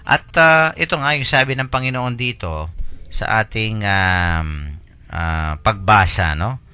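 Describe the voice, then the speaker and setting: Man, religious show host, low bright voice, musing, code-switching, faint music bed. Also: lively intonation, slow pace, clean tone. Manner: reflective, hesitant with many fillers, mixes Tagalog and English. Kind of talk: casual Bible discussion.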